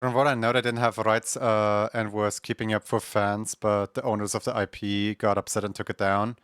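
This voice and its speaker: A man's voice: on the low side, flat delivery, normal speed, a bit bright, smooth, no room sound, clean studio sound. A man hosting a livestream, talking casually to his viewers. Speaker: livestream host.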